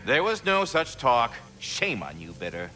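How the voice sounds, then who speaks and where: An actor voicing a courteous, eccentric creature in a video game, speaking in a formal, wordy way. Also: male voice, mid-range voice, wildly swooping pitch, a little slow, sharp tone, big-room sound, faint music behind, full character voice, poor audio. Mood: prim. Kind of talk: video game character acting.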